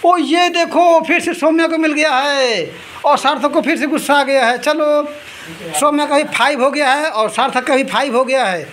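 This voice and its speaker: A woman running a toy-finding game for two children. She keeps up lively play-by-play commentary and rapidly repeats item names to hurry them along. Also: sits high. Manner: scolds and laughs between rounds.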